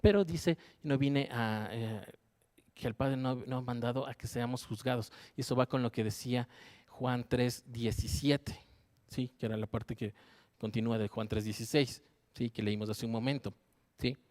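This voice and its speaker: A man preaching a Bible study at an ordinary, middle pitch. He reads verses aloud and unpacks them, stopping again and again to ask his listeners whether they follow. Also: fairly even intonation, moderate pace, darkish tone. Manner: checks in with listeners with a frequent questioning "¿sí?".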